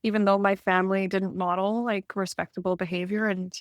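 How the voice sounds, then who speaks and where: Her mid-range voice barely moves in pitch and runs fairly quick, in clean studio sound with no room sound. A Canadian woman and client in a healing session, she keeps the therapeutic talk candid and casual, rambling, self-reflective, and full of "like."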